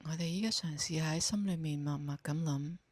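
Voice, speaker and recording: With a Hong Kong Cantonese accent, a woman leads a meditation in a soft, breathy, low-pitched voice, calmly and slowly offering gentle instructions. The recording has no echo.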